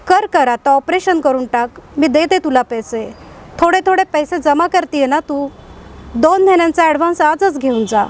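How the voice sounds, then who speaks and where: A kind older woman who looks after her maid, speaking in a reassuring way, as a woman storyteller puts her on. The voice stays high and close to the narrator's own. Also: animated, moderate pace, slight background noise. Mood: caring.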